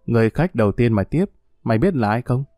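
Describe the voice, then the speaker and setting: Brief: man voicing a brutal pimp, cold threats, dark mellow tone, dry close sound. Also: medium pitch, expressive, fast, no room sound, lightly acted. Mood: menacing. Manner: harsh, threatening, contemptuous.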